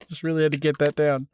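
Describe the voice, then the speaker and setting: A woman's voice: low-pitched, noisy background. A woman from the Philadelphia area co-hosting a podcast in casual chat, joking playfully and laughing a lot. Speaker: podcast co-host.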